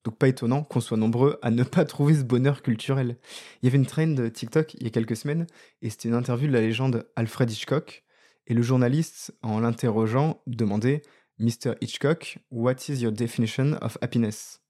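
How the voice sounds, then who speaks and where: A man speaks in a reflective podcast monologue, turning ideas over aloud and often questioning his listeners directly. His voice sits at an ordinary pitch with a warm, mellow tone. He sounds conversational and unhurried in his thinking. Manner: thoughtful, asks many rhetorical questions. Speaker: podcast host.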